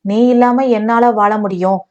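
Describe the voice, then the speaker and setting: A woman's voice: medium pitch, fairly even intonation, moderate pace, mellow, highs cut off, lightly acted. A woman voicing a bitter, sarcastic young husband who mocks and accuses his wife. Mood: angry. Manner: mocking, accusing.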